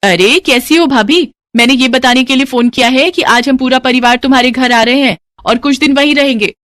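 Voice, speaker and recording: A woman's voice: high-pitched, a little fast, fairly bright tone, dry recording, studio quality, pitched above the performer's own voice. A woman voicing a chatty, breezy middle-aged sister-in-law.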